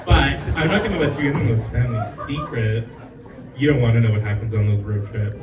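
A man's voice: mid-range voice, a little fast, muffled recording. A man performing as a drag queen at a live roast, trading sassy, bitchy jokes and laughing through them. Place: nightclub stage. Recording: echoey club, far mic, loud music and crowd.

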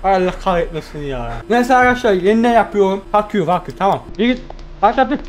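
A man commentating a horror game for his viewers, chatting to them and yelping and shouting when frightened. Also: sits high, animated, a little fast, very noisy. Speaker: gaming YouTuber.

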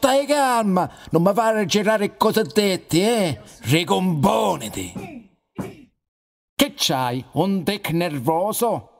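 A teasing talking confessional voiced by a man, an uncle figure. His pitch swoops all over, and he takes his time with every word, drawing out his jibes. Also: expressive, gravelly, exaggerated voice. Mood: patronizing. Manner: teasing, dialect-flavored, drawn-out. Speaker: actor.

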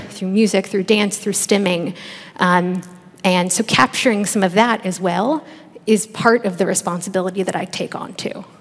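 A woman in her thirties speaks on a conference stage through a headset mic. She answers thoughtfully, circling back with fillers and restarts. Her medium-pitched voice carries a long hall reverb. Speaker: panelist, researcher and author. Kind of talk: panel discussion answer.

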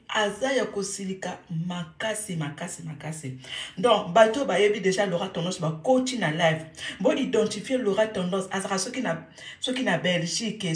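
Repetitive woman in an echoey room. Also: medium pitch. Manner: repeats words over and over, mixing French and Lingala. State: a little irritated. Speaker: live stream host. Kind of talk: casual live-stream monologue.

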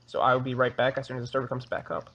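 A man's voice: medium pitch, completely flat delivery, very fast, muffled recording. A teenage boy hosting a casual game session with a friend, chatting, joking and asking viewers for likes. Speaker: gaming channel host.

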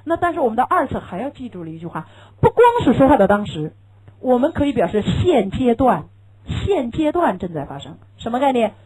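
Husky high-voiced woman teaching a class. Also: dark tone, poor audio. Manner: asks the class questions and answers them herself; slows down to demonstrate English pronunciation. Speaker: English teacher. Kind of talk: classroom lecture.

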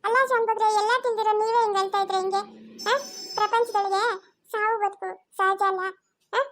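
A woman acting as a stern village priest who presses a grieving elder with pointed questions, speaking in a rural Karnataka accent. The delivery is very high and rapid, firm and insistent. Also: little pitch movement, slight background noise. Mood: consoling. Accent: Karnataka rural Kannada. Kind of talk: amateur family drama acting.

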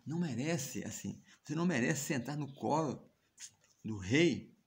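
Jealous queen stepmom being all cutting n scornful, a brazilian guy doing her, gravelly. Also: medium pitch, animated, unhurried. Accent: Brazilian Portuguese. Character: jealous proud queen stepmother, adult woman.

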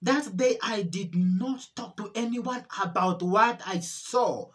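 A woman giving an emotional religious testimony, repeating herself and pleading, her voice rising into cries and halting with restarts. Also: medium pitch. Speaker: testimony speaker.

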